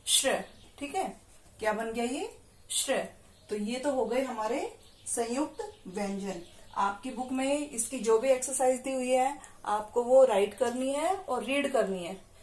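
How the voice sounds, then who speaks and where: In an echoey room, a woman with a voice on the high side and a darkish tone gives a primary school lesson a little slowly. Patient throughout, she elongates syllables and tests the kids with questions.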